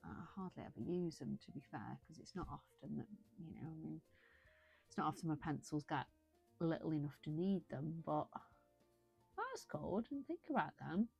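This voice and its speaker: British woman, low voice, casual rambling chat, a little tired and yawny, faint music behind. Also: lively intonation, moderate pace, gravelly, darkish tone, slightly rough. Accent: British English. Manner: rambling, chatty, self-correcting. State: tired, yawning. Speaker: livestream host colouring and chatting. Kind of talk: casual chat while colouring.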